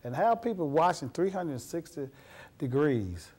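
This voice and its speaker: A man's voice: on the high side, very animated, measured pace, darkish tone, husky. A middle-aged man, a police officer guest on a TV studio interview, speaking on a lapel mic in an earnest, folksy, plain-spoken way. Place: TV studio set.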